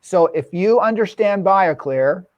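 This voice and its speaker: A man teaching an online dental class with lively enthusiasm, putting questions to the audience again and again. His voice sits a little high for a man, and the sound is dry and close with no room around it. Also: a little slow, dry recording, muffled recording. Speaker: dental lecturer. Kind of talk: online lecture.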